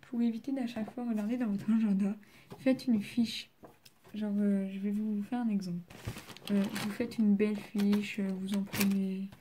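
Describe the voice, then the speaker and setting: A woman's voice: medium pitch, steady tone, moderate pace, dark tone, slight background noise. A teenage girl from France doing homework on camera, chatting casually with many fillers and sometimes dropping to a murmur. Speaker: student vlogger. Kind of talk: casual study vlog.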